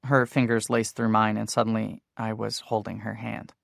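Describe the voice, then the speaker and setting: Male audiobook narrator, gravelly, mid-pitched, dry close read. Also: little pitch movement, normal speed, dry recording. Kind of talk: first-person audiobook narration.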